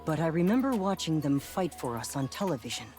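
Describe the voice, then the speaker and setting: Here the same kind of video game character, a composed, formal corporate rep, speaks through a robotic voice changer, measured, persuasive and earnest. The actor's male voice runs on the high side, very animated and darkish, over soft background music.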